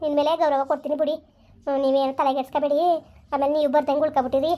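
A woman's voice: high voice, little pitch movement, rapid-fire, dark tone, natural voice. Woman playing a sulky young village wife.

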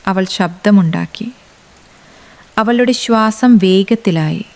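A woman reading a romance story aloud as scripted narration, with a measured, unhurried delivery. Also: fairly low pitch, darkish tone.

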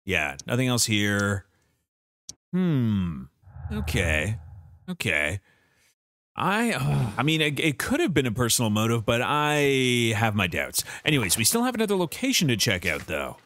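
A male streamer plays a detective game live and talks through the clues as he goes. His voice sits at an ordinary pitch but swings up and down a lot, and he breaks off and restarts his sentences often while thinking aloud. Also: huge pitch swings, measured pace, a bit bright, dry recording.

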